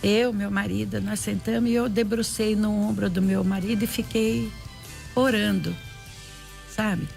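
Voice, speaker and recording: A woman's voice: mid-range voice, steady tone, measured pace, vocal fry, a little mellow, faint music behind. A woman with a Brazilian Portuguese accent, giving an emotional faith testimony in an interview, repeating herself and acting out what people said. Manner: heartfelt, repetitive, often reenacts dialogue and prayers.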